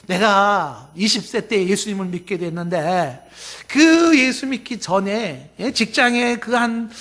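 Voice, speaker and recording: A male pastor preaching a sermon who acts out quoted people in dialogue and rises to emphatic, near-shouted exhortation. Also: extremely high pitch.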